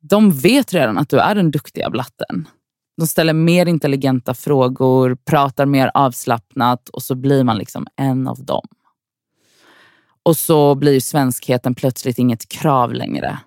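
A woman's voice: extremely low pitch, a little mellow, no room sound. A woman from Sweden in a scripted inner monologue, wry, frustrated and profane as she talks to herself.

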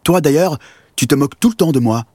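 A man's voice: mid-range voice, brisk, darkish tone, no echo, studio quality, voice pushed up, natural voice. A man doing a shy clever schoolboy. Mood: eager.

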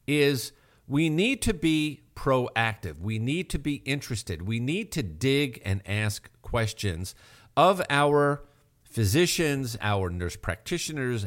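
A male health show host explaining heart tests in an emphatic manner, asking rhetorical questions. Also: medium pitch. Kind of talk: radio health talk.

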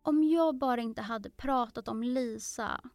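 A woman's voice: high voice, expressive, a little mellow, no room sound, faint music behind, pitched above the performer's own voice. A woman voicing Alice, a curious, polite young girl who talks earnestly and eagerly in a storybook. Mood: sad.

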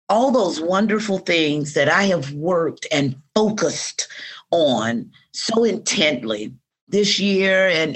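Woman in her fifties, podcast guest, slightly low voice, lively storytelling, interview. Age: 50s. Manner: reflective, animated storytelling with quoted affirmations. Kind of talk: conversational interview.

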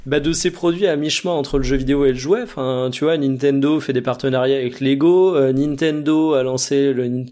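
A man's voice: medium pitch, steady tone, a little fast, few pauses, dark tone. A man chatting casually as a co-host on a podcast. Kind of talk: casual chat.

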